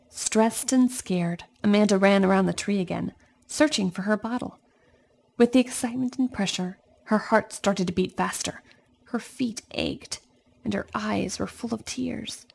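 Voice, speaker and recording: A woman reading a children's storybook aloud in an expressive storytelling manner, speaking to young listeners. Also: mid-range voice, creaky. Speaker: storybook reader.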